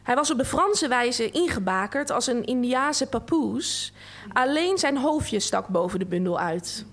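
Slow, measured woman reading aloud. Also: on the high side, expressive, a bit bright. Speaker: reader.

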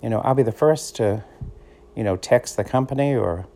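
A mellow mid-range voice at a moderate pace: a middle-aged man from the Boston area, Boston accent and all. As host of a casual solo podcast, he rambles in a conversational, easygoing storytelling style.

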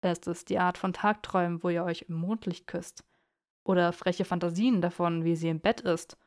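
A woman's voice: lowish voice, fairly even intonation, a little mellow, no echo, clean studio sound, lightly acted. A woman voicing a smug young male wizard who teases his friend, in an audiobook reading. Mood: teasing. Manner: amused, teasing, unhurried.

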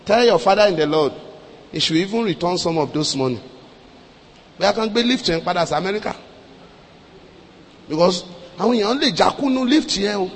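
A man with a Nigerian accent preaching a sermon as a pastor, telling a story and acting out dialogue, swinging between quiet and loud, with some Yoruba mixed in. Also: high-pitched, expressive, fairly quick, pauses often, slight background noise. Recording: long echo in a large hall.

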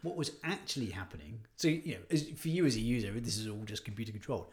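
Male co-host, low gravelly voice, relaxed storyteller who says "you know" a lot. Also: fast talker. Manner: anecdotal, agreeable, frequent "yeah" and "you know". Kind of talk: casual chat.

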